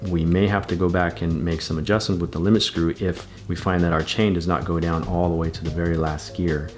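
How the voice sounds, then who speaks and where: A man's voice: deep voice, little pitch movement, fairly quick, faint music behind. A man giving a patient, methodical bike repair tutorial, talking through each step as he works. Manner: patient, methodical, repeats steps.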